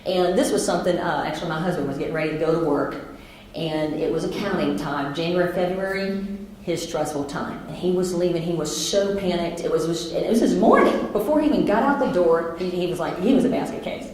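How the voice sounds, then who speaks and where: Lively woman speaker in echoey hall. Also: on the low side, brisk, slight background noise. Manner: lively, conversational, animated. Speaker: motivational speaker. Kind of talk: storytelling keynote talk.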